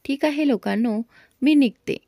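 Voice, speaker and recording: A woman's voice: sits high, normal speed, warm tone, no echo, studio quality. A woman voicing a bold, outspoken young woman who talks back sharply. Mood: defiant.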